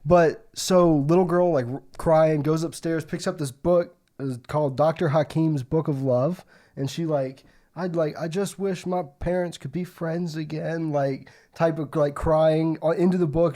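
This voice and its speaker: In a slightly high, mellow voice with a steady tone and normal speed, this young American podcast co-host jokes around, uses slang and laughs a lot. The talk is casual chat and storytelling.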